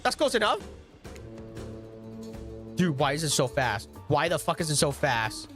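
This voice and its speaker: A male streamer reacting loudly to a video game, excitable, swearing often and laughing between lines. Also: a little high, unhurried, faint music behind. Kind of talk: live gameplay commentary.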